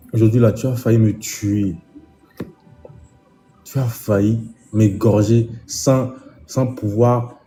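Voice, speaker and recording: Vlogger guy ranting indignant at the camera, mellow low-key voice. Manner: indignant scolding, repetitive. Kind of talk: casual vlog talk to camera.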